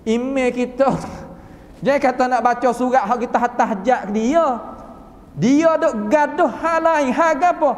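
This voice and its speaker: A man's voice: extremely high pitch, unhurried. A man with a Kelantan-Patani Malay accent giving a Quran commentary lesson as a religious teacher, folksy and full of rhetorical questions. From southern Thailand (Patani). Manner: folksy, asks rhetorical questions, acts out quoted voices. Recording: long reverb of a large hall.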